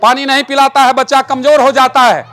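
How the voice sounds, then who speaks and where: A man who is a stage magician and rationalist speaker gives a live magic show, explaining his tricks while joking and ordering a boy and the audience around. His very high, fairly bright voice stays level in tone, and his pace is brisk.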